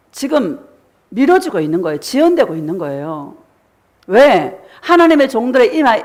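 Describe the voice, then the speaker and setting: A middle-aged woman pastor giving a sermon, asking the congregation questions and answering them herself, sometimes acting out what believers say. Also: a little high. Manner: preaching with rhetorical questions and call-and-response; acts out voices of congregants in quoted prayers.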